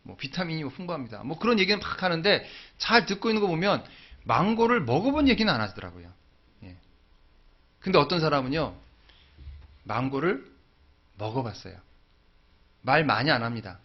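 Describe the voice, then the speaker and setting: Brief: male preacher, lively swooping delivery, storytelling sermon, dull lo-fi recording. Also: fairly high pitch, moderate pace, pauses often. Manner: animated storytelling, acting out dialogue. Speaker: pastor.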